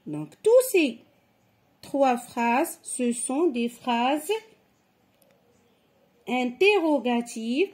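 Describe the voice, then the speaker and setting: A woman's voice: fairly high pitch, big pitch swings, drawn-out words, pauses often. A woman teaching a grammar lesson to children, explaining patiently and step by step. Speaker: French teacher.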